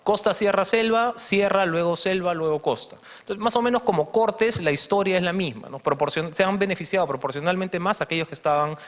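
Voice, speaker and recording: A man's voice: sits high, fairly quick, hardly any pauses, fairly bright tone. A man giving an explanatory conference presentation on slides, using frequent fillers and tag questions. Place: congress conference hall. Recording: reverberant hall, dull broadcast audio.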